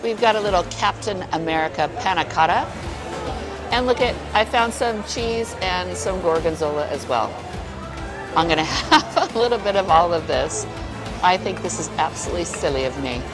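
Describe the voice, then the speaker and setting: Amid the chatter and music of a busy indoor buffet, a woman with a fairly low, animated voice speaks at normal speed. She reviews the food to camera in a casual, playful way, exclaiming and chatting between mouthfuls.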